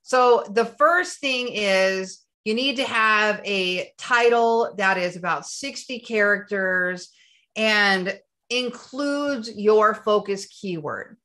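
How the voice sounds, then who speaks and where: Woman SEO tutor walking through software on screen, bright tone, eager to the point of breathlessness. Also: medium pitch, slow. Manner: enthusiastic, gets breathless with excitement. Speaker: SEO instructor.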